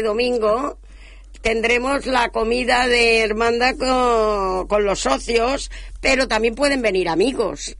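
A woman hosting a local radio show, announcing events and chatting with callers in an affectionate, halting way. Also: medium pitch, creaky, no echo. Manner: warm, affectionate, halting with restarts. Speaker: radio host.

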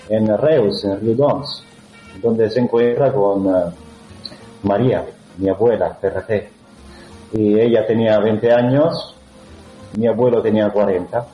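A man from Italy, speaking with an Italian accent as an interview guest, talking in a halting way full of fillers and restarts. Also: fairly low pitch. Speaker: guest, actor. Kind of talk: conversational interview. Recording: roomy, dull lo-fi sound.

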